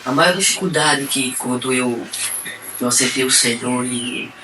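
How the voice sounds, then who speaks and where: A woman with a Brazilian accent giving a personal faith testimony, acting out the dialogue as she retells it and swinging between quiet and excited. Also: rumbling low, measured pace, background noise. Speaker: testimony giver. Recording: distant mic, faint room ambience.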